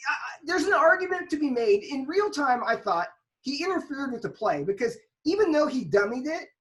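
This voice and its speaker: A woman in casual podcast chat, retelling a soccer match in an animated play-by-play way with lots of restarts and emphasis. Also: high-pitched, a little fast.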